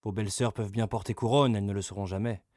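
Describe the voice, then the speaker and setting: A man's voice: on the low side, steady tone, rapid-fire, no echo, studio quality, lightly acted. Man voicing a raging, blustering medieval lord. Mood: persuasive. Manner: loud, coarse and vehement. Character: brawny furious medieval male lord, blustering.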